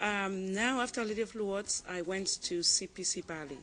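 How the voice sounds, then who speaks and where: A Cameroonian woman in her forties, appearing as a TV interview guest, answers in a measured, reflective way and laughs easily. Her voice is medium-pitched and fairly bright, though the recording is low quality.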